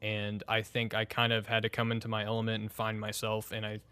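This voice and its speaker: A man's voice: on the low side, monotone, a little fast, pushed and bright, clean tone, dry recording. Young male podcast co-host, rambling and casual, frequent laughs, dry close mic.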